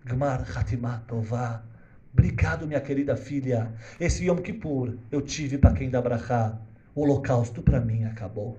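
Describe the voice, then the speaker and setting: A man's voice: on the high side, muffled recording, lightly acted. Tender old rabbi, voiced by a man. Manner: soft, slow, comforting.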